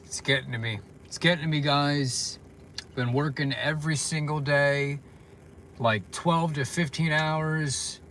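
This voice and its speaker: A man's voice: fairly high pitch, fairly even intonation, measured pace, a bit bright, a little hiss or hum. A tired man chatting casually on a livestream from his parked car, rambling with lots of fillers. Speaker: vlogger.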